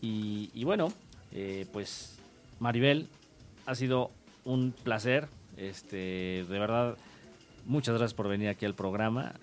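Radio host guy, low voice, easygoing, lots of ums and trailing off. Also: takes it slowly, faint music behind. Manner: relaxed, filler-heavy, trailing speech. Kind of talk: casual radio interview.

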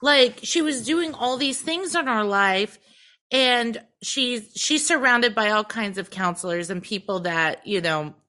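In a casual podcast chat, a female co-host with a mid-range, pushed and bright voice speaks candidly, cursing freely and filling her talk with "like" and "um".

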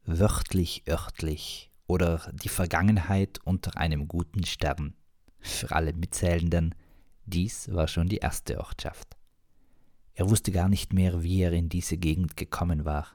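Deep, dark-voiced male storyteller. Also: steady tone, unhurried, dry recording, clean studio sound. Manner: wry, playful wordplay. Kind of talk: scripted story narration.

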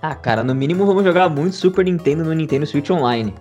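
Quick-talking Brazilian Portuguese man hosting. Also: on the high side, animated, darkish tone, dull audio, soft background music. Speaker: podcast host. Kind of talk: casual podcast presenting.

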